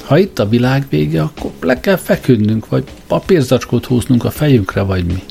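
Man doing a rambling drunk pub regular, gravelly, storybook. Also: medium pitch, animated, dark tone, soft background music. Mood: tipsy.

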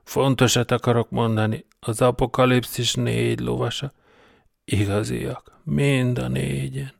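A man voicing a half-conscious injured young biker in an audiobook, hoarse and croaking. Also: mid-range voice, fairly even intonation, dry recording, studio quality, pitched above the performer's own voice. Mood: strained. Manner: croaking, slow and strained. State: hoarse, weak.

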